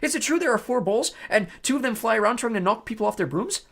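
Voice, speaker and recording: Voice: medium pitch, animated, quick pace, fairly bright tone, pitched above the performer's own voice. A reader voicing an eager, star-struck young schoolboy who gushes breathlessly and trips over his words. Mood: excited, gushing.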